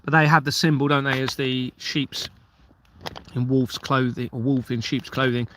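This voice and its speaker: Reading out viewer comments on his laid-back livestream, this ex-police officer from Kent rambles earnestly and occasionally loses track of what he's saying. He speaks at a moderate pace in a steady, mid-range, slightly bright voice, with a little background noise.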